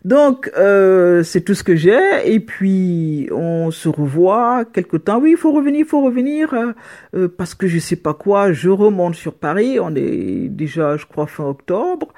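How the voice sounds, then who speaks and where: Animated middle-aged woman telling a story. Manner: animated, voicing others' words in quick pitch jumps, many restarts. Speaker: storyteller recounting a personal experience. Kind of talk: casual spoken account.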